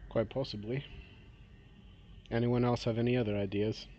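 A man acting as game master in a tabletop game over an online call, speaking in a measured, steady way. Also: mid-range voice, a little hiss or hum. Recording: dull lo-fi online call audio.

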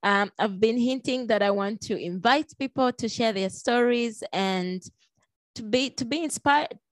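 A woman from Congo hosting a casual podcast interview, chatty and expressive with frequent jumps in pitch. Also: measured pace, no echo. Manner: chatty with small restarts and fillers. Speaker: podcast host.

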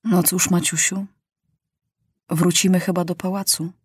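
Read by a woman, a sad king speaks in a gentle, subdued way. His words come slowly in a husky tone, recorded close and dry. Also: high-pitched, flat delivery, no echo. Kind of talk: audiobook reading.

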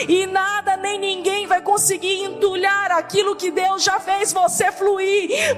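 A woman pastor with a Brazilian accent preaching an impassioned sermon in a church, making prophetic declarations. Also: extremely high pitch. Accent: Brazilian Portuguese. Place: church hall. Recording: live church sermon with long hall reverb and faint music.

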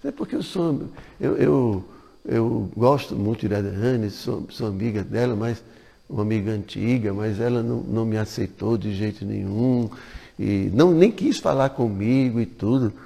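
Disguised youth posing as a weepy woman, played by a male speaker; raised pitch, husky, long reverb. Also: mellow. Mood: tearful. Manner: whimpering, halting complaint. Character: young god disguised as a tearful woman.

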